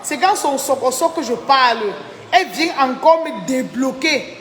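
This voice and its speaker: A woman's voice: sits high, lively intonation, unhurried, reverberant, big-room sound, a little hiss or hum. Tired, chatty woman on a live stream. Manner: chatty, reads out viewer names, indignant. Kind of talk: casual live-stream chat.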